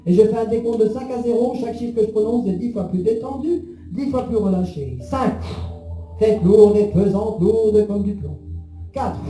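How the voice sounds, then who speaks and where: A man's voice: sits high, warm tone. A man leading a guided hypnosis session in a soothing, repetitive, suggestive manner. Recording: roomy echo under music.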